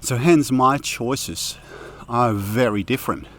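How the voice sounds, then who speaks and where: A man's voice: mid-range voice, takes it slowly, fairly bright tone. A middle-aged man talking casually on a walk, rambling with fillers and restarts, a bit out of breath from walking uphill. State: slightly out of breath. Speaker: audio YouTuber. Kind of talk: casual vlog talk while walking. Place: outdoors on a hill walk.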